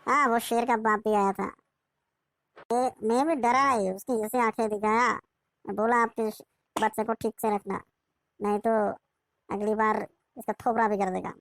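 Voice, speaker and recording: A woman's voice: fairly high pitch, fairly even intonation, moderate pace, long pauses, a bit bright, no echo. A woman voicing a boastful young schoolboy in a cartoon who brags about fighting lions. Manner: bragging, swaggering. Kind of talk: cartoon voice acting.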